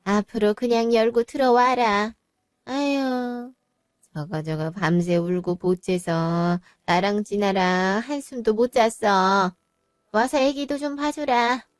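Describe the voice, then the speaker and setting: A woman's voice: medium pitch, slow, dry recording, close to an everyday voice. Nagging older mother-in-law acted by a woman, bossy and demanding, dry studio drama read. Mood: grumbling.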